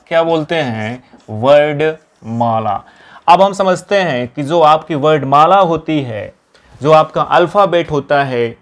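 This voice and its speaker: Man drilling students with repeated questions. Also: a little high. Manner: asks himself questions and repeats the answers; addresses viewers as friends. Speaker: teacher. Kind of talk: exam-prep lecture.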